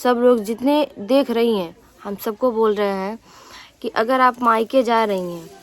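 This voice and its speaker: A woman's voice: on the high side, unhurried. A young woman vlogger talking casually to her viewers in an aggrieved, rambling way, with many restarts and fillers. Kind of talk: casual vlog talk to viewers.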